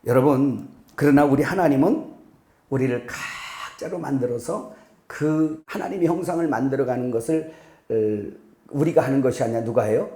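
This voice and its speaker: In a church sanctuary, a middle-aged male pastor preaches conversationally, asking his congregation questions and occasionally bursting into loud, sharp imitations of scolding parents. His voice is medium-pitched at a normal speed, and the sound is roomy.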